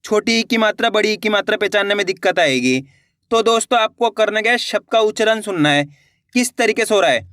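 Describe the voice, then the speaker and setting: A man with a high, expressive, fairly bright voice teaches Hindi reading online, slowly working through each syllable. He stays patient, says words again, and quizzes the listener with questions. The audio is close and dry, free of echo or room sound.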